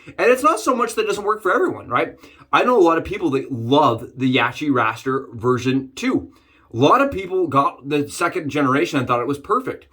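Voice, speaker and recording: A man's voice: on the high side, animated, a little fast, pushed and bright, husky. A middle-aged man hosting a shaving vlog, chatting to camera in an enthusiastic, rambling way with frequent exclamations. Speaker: wet shaving channel host. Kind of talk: casual chat to camera.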